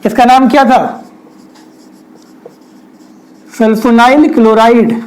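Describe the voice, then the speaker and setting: A man's voice: very high-pitched, steady tone, slow, poor audio. A young man, giving a chemistry lecture at a whiteboard, often asking rhetorical questions and speaking directly to his students. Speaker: chemistry teacher.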